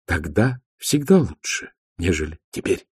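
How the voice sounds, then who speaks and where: A man voicing the eldest sister, a stern older woman who speaks slowly and curtly. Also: on the low side, sing-song, mellow, breathy edge, dry recording, studio quality. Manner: slow, curt, stern. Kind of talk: audiobook character voice.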